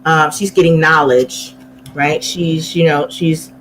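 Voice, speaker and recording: A woman chatting casually and haltingly, repeating words, as a psychic medium on a livestream panel. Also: low-pitched, steady tone, slight background noise, rough recording. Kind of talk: casual chat. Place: video call livestream.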